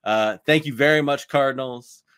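A man's voice: mid-range voice, normal speed, fairly bright tone, clean tone, no room sound, clean studio sound. Rambling male sports podcast host. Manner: rambling, heavy use of "like". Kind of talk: casual sports podcast chat.

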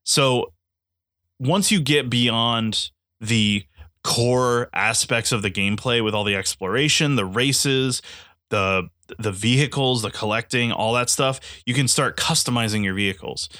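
A man's voice: medium pitch, a little slow, sharp tone, no echo, clean studio sound. A congested man giving a casual spoken game review, eager and rambling, with many restarts. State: congested, stuffy nose.

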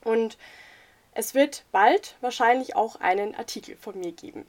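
Young woman, fairly high pitch, casual chat, student podcast participant. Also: measured pace. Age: young adult. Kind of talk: casual conversational talk.

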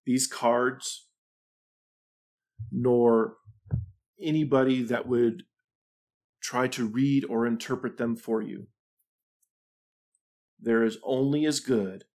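A man's voice: medium pitch, vocal fry, a little mellow. A middle-aged man hosting a livestream, talking casually and reflectively, with fillers and restarts. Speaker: livestream host.

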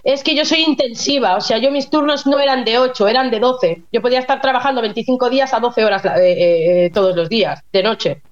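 A woman working as a nurse in Germany, explaining things in an animated, chatty way as a guest on a radio interview. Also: fairly high pitch, brisk, hardly any pauses, muffled recording. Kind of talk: casual radio interview chat.

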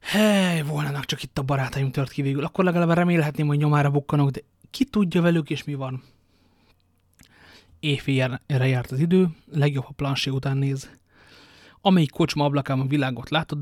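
A man reading a novel aloud in a lively storytelling manner, dropping in self-mocking asides. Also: a little high, dry recording, clean studio sound. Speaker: audiobook reader. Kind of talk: novel narration with joking asides.

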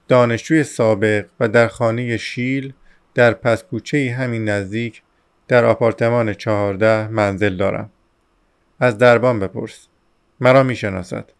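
Brooding young ex-student, male, slow and distracted, read by a male narrator. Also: medium pitch, fairly even intonation, clean tone, dry recording, lightly acted. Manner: slow, absent, musing speech.

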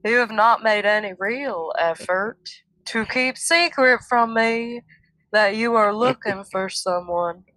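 Calm, watchful female captain with a Southern US drawl, read by a woman, slow and measured, bright tone. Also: a little high, dry recording, low-quality recording. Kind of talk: dramatic reading of a book passage.

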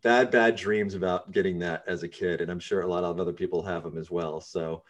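Host: easygoing man with a lowish voice, casual interviewer. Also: steady tone, a little fast. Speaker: podcast host.

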